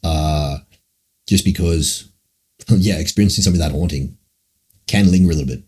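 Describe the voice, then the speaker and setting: A man's voice: deep voice, moderate pace, a little mellow, husky. A young man livestreaming, answering chat questions in a rambling, profane, casual way, full of "like" and "man".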